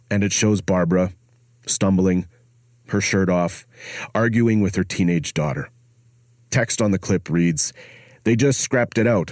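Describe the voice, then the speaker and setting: A man hosting and narrating a documentary podcast in a grave, measured tone, recorded on a studio mic. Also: low voice, darkish tone, dry recording.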